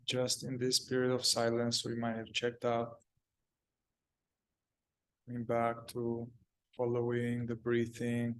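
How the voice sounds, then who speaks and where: Speaking calmly in short, halting phrases separated by long pauses, a man with a mid-range voice leads a guided meditation. The recording is rough.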